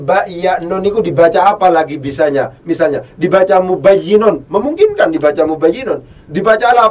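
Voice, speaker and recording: A man teaching Arabic grammar who quizzes the listener, repeats key phrases and chants verb forms slowly. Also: high-pitched, far from the mic. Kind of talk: classroom lesson, recited conjugation drills.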